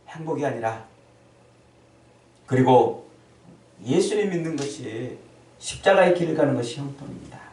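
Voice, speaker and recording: A middle-aged man preaching a lively Sunday sermon, often acting out the voices of the people he quotes. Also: fairly high pitch. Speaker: pastor. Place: church sanctuary. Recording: echoey church hall, distant mic.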